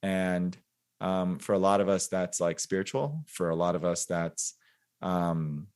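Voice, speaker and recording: A man in his forties, a podcast guest, talking in a relaxed, reflective way with many fillers and self-mocking laughs. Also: deep voice, unhurried, clean tone. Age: 40s. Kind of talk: casual interview conversation.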